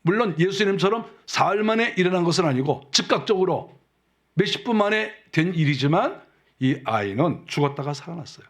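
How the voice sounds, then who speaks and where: Korean pastor, conversational sermon. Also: male voice, expressive, brisk. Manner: conversational preaching with rhetorical questions; acts out quotes softly and lower.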